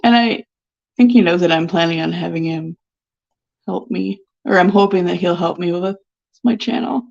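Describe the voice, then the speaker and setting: A woman's voice: lowish voice, moderate pace, gravelly, a little mellow. A sniffly woman painter chatting casually on a live stream, rambling and giggly with lots of filler words. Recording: dull lo-fi stream audio.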